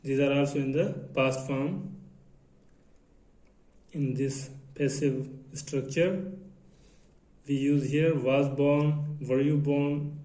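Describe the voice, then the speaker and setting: A man teaching an English grammar lesson in a halting way, often repeating phrases and reading out example sentences. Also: mid-range voice, fairly even intonation, dark tone. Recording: echoey room.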